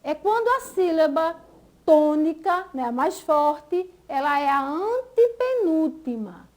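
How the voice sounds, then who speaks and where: A woman's voice: sits high, big pitch swings, slow, a little mellow. A Brazilian woman teaching a school lesson, patiently stretching out example words syllable by syllable. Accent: Brazilian Portuguese.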